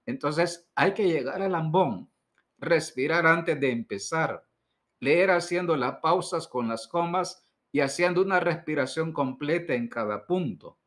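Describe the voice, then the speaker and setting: Male instructor, slightly high-pitched, measured teaching delivery, gives direct practical advice. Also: fairly bright tone. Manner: deliberate, stresses key words slowly; direct, addresses listener with advice. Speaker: liturgy instructor. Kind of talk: instructional talk.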